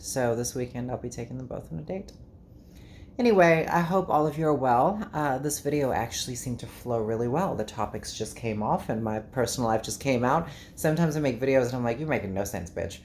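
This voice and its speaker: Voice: mid-range voice, darkish tone, slight background noise. A vlogger with a South African accent, talking to camera in a candid, rambling, chatty way. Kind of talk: casual monologue to camera.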